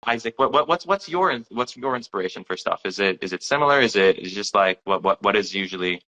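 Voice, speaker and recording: A man's voice: fairly low pitch, lively intonation, fast talker, bright, forceful tone, rough recording. A young man hosting a casual livestream, talking with lots of restarts and repeated words. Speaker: singer-songwriter hosting a livestream.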